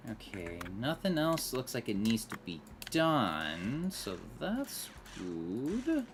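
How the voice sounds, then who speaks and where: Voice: medium pitch, wildly swooping pitch, slow, background noise. A gamer giving casual commentary over gameplay and muttering while playing.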